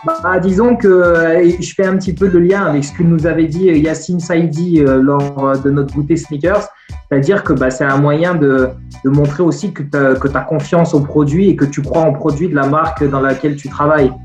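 A man's voice: fairly high pitch, steady tone, moderate pace, darkish tone, reverberant, faint music behind. A man who is a regular on a chat show, talking casually over a video call with many fillers. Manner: easygoing, hesitant with fillers.

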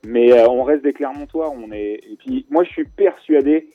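A man's voice: mid-range voice, normal speed, dry recording, phone-quality sound, soft background music. Man talking with many fillers. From France. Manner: hesitant, many fillers and restarts. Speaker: guest, event organizer. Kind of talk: radio talk show chat.

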